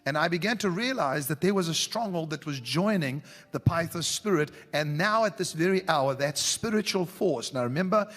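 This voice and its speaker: A man with a fairly high, expressive voice delivers a fervent prophetic sermon at a moderate pace with few pauses, calling out to the congregation and rising to shouts. The recording has a long hall reverb and faint music.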